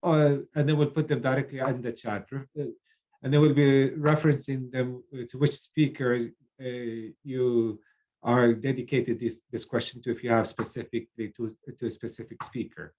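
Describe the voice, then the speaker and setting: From a child's bedroom, a middle-aged program manager from Lebanon opens a webinar on a video call. Halting and prone to fillers and restarts, he keeps a steady, darkish tone at medium pitch.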